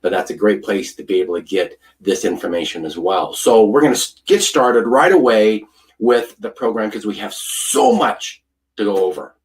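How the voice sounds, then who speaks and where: A man's voice: fairly low pitch, normal speed, far from the mic. A man, a food scientist, giving a live online presentation in an earnest, storytelling way with frequent ums and uhs.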